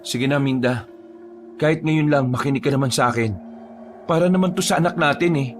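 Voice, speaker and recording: A man's voice: medium pitch, brisk, music in the background, voice pushed up, close to an everyday voice. A man voicing a worried young father who speaks anxiously and pleads. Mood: pleading.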